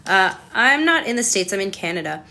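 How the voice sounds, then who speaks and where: A woman's voice: mid-range voice, sing-song, fairly quick, creaky, pushed and bright. A young woman reading tarot cards and chatting with her viewers, passionate and ranting as she talks. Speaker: tarot reader. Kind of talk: casual tarot reading answering live chat.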